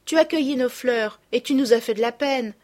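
A woman's voice: on the high side, normal speed, a little mellow, voice pushed up, close to an everyday voice. A woman voicing a kind young girl who speaks earnestly and consolingly. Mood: gently scolding. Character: gentle, kind young girl, older sister figure.

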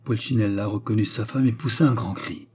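A man narrating a literary tale in a measured storytelling manner. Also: on the low side, a little mellow, slightly rough.

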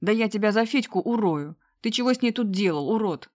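A woman reading an audiobook voices an angry young man, a threatening, shouting older brother. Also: medium pitch, a little fast, close to an everyday voice. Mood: furious.

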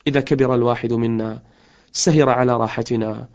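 A man preaching a sermon, telling stories and chanting verse slowly. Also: mid-range voice, fairly even intonation, a little mellow. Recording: dull lo-fi audio.

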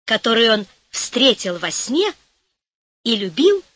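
Lady reading a folk tale audiobook, highish voice, dry recording, storyteller vibe. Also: sing-song, takes it slowly, a bit bright, no room sound. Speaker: audiobook narrator. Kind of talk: scripted fairy tale narration.

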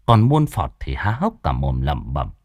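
Lively male storyteller. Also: extremely low pitch, a little slow, no room sound, studio quality. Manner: lively, animated comic delivery. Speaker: ghost story narrator. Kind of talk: comic storytelling narration.

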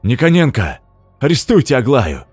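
A man's voice: mid-range voice, wildly swooping pitch, moderate pace, a little mellow, slightly rough, no room sound, soft background music, voice pushed up. A man voicing a stern middle-aged army officer in an audiobook, barking commands. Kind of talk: audiobook character voice.

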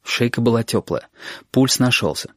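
Male narrator, mid-pitched, dry and close, measured. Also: expressive, a bit bright, dry recording. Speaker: audiobook narrator. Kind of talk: scripted narration.

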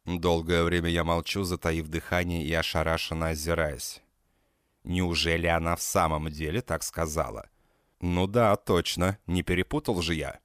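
A man's voice: deep voice, steady tone, moderate pace, fairly bright tone, clear, resonant tone, no echo, clean studio sound. A man reading a first-person novel aloud, with an intense, dramatic and sardonic delivery. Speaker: audiobook reader. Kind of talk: first-person audiobook narration.

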